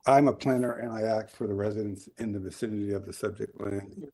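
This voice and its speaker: A man's voice: lowish voice, steady tone, quick pace, darkish tone. A man, a planner speaking for residents over a video call, his connection choppy so word endings cut out. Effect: choppy online connection with cut-off word endings. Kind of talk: remote testimony at a public hearing.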